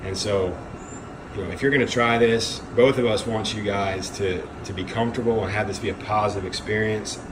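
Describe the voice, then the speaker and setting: A man's voice: fairly low pitch, steady tone, brisk. A man talking casually and explaining as he hosts an ice bath demonstration, with an encouraging manner. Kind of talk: casual explanatory vlog talk. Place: garage. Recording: clear background noise, humming ambience.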